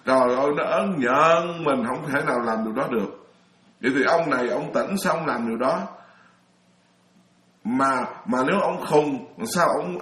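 A man's voice: a little high, a bit bright, roomy sound. A middle-aged man from Vietnam, a Buddhist monk giving a chatty dharma talk, telling stories with frequent laughs and restarts. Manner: chatty storyteller, laughs often, many restarts.

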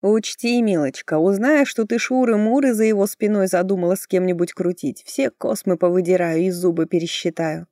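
A woman's voice: medium pitch, normal speed, few pauses, dark tone, dry recording, studio quality, natural voice. A woman reader voicing a bossy, buxom, motherly older woman who scolds and threatens in a folksy way. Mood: threatening. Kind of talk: audiobook character voice.

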